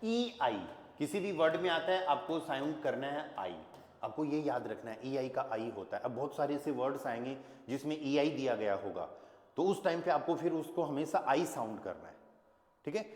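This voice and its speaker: A man teaching a language lesson, patiently spelling letters out slowly and checking that his students follow. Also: medium pitch, darkish tone. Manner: patient, repeats key points with "ठीक है" checks. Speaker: German teacher. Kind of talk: classroom-style language lesson. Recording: echoey room with long reverb.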